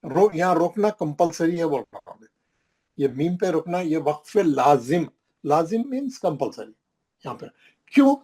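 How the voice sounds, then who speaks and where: A man's voice: on the high side, expressive, moderate pace, mellow, breathy edge. Emphatic man teaching a class. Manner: repetitive, emphatic, points at the page while explaining. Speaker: Quran recitation teacher. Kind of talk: classroom lesson explaining recitation rules.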